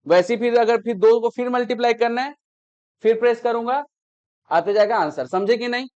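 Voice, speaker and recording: High-voiced patient male teacher. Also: fairly quick, darkish tone, dull audio. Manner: explains patiently, repeats steps, checks understanding. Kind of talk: classroom math lesson. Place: classroom.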